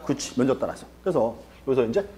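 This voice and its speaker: A man's voice: mid-range voice, animated, fast talker, dark tone. Man lecturing, answering his own questions. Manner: rhetorical questions he answers himself; repeats key terms with emphasis. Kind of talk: exam-prep lecture.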